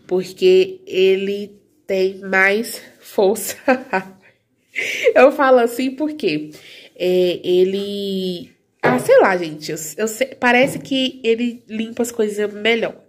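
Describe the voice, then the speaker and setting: A woman chatting casually to her viewers while she cleans her home, filming on a handheld phone. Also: mid-range voice. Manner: chatty, addresses viewers as "gente". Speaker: vlogger. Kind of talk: casual vlog chat.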